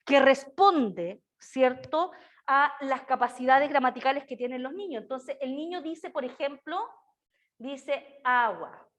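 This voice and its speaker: A woman's voice: sits high, unhurried. A woman giving a classroom lecture on early childhood education. She keeps checking in with her students through tag questions and slips into a sing-song baby-talk voice for her examples.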